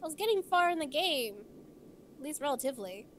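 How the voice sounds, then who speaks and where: A woman's voice: high voice, sing-song, a little fast, slight background noise. A woman hosting a livestream, chatting casually and giggling as she plays. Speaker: livestream host. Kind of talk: casual gaming chat.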